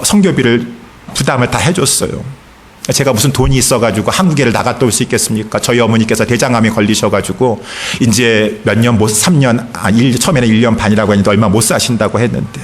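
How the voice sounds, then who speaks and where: A middle-aged man, a pastor, preaching a sermon in church, telling a personal story in an earnest, unhurried way with pauses. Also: medium pitch.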